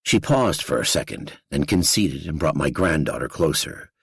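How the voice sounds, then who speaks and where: A man's voice: rumbling low, big pitch swings, moderate pace, creaky, slightly rough, dry recording, clean studio sound. A man narrating a first-person true crime audiobook in a blunt, gritty, profane storytelling manner.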